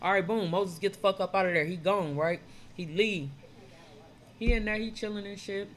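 A man with a fairly high voice spins an old tale in loose street slang, jumping into characters' voices as he goes. His delivery is animated and conversational, full of asides to his listener. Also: normal speed, slight background noise. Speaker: storyteller retelling Bible stories. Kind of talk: casual street-slang storytelling.

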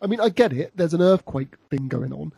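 A man's voice: a little high, animated, a little fast, gravelly, mellow, husky, dry recording. A man chatting casually as a podcast co-host, recapping an episode with a rambling, laughing delivery. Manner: rambling, many restarts and laughs. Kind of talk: casual chat.

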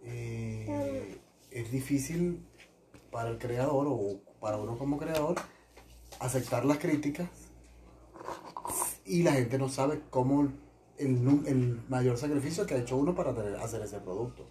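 A man giving his opinions conversationally as a guest, haltingly, repeating words as he reasons. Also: medium pitch, warm tone, a little hiss or hum. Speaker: family guest.

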